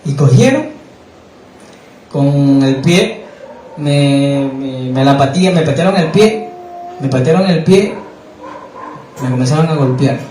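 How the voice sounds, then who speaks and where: A man giving an emotional personal testimony in a church, halting and repeating words as he tells his story. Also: mid-range voice, expressive, mellow. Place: church hall. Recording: echoey room, distant mic, faint noise.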